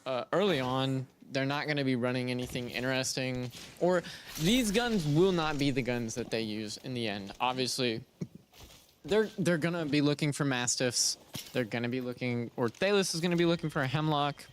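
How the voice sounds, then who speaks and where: A man giving relaxed, rambling play-by-play commentary on a college esports match. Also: medium pitch, moderate pace, slight background noise. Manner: relaxed, rambling, filler-heavy. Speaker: esports caster. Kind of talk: casual game commentary.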